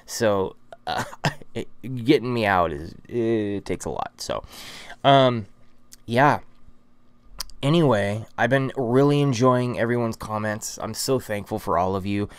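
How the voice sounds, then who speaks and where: A man's voice: on the low side, measured pace, clean tone, dry recording. A man rambling casually to his subscribers in a vlog, full of fillers and restarts. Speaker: vlogger.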